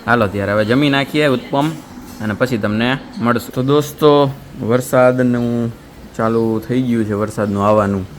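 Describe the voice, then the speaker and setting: A man's voice: mid-range voice, fairly even intonation, normal speed, a little hiss or hum. A young man, chatting and joking in a casual home vlog. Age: young adult. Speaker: vlogger. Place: family home indoors.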